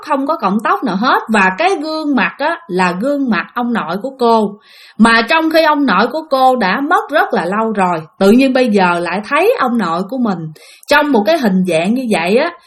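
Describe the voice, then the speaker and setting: A woman's voice: a little high, fairly bright tone. Southern vietnamese woman telling a spooky story, chatty, voice goes up and down a lot. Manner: chatty, addresses listeners directly. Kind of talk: spoken ghost story narration.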